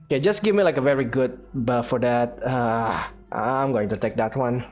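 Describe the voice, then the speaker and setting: A man's voice: medium pitch, moderate pace, a little mellow. A man giving casual, reactive commentary while playing a game, with game music behind. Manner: chatty, reactive, groans and laughs at the game. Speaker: gaming youtuber.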